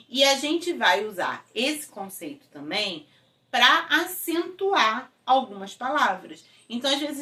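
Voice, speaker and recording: A Brazilian woman teacher talks a young class through a recorded video lesson, one step at a time, and often checks that they follow. Her voice sits a little high and swoops up and down with animated intonation. It rings in an echoey room, caught from some distance from the mic. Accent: Brazilian Portuguese. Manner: explains step by step, checks in with frequent tag questions.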